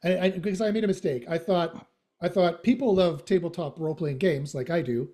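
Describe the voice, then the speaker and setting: His voice is a little high, brisk and warm. He's a middle-aged Western Canadian with a slight Canadian accent, chatting casually as a podcast guest while filling his speech with fillers, restarts and jokey side comments.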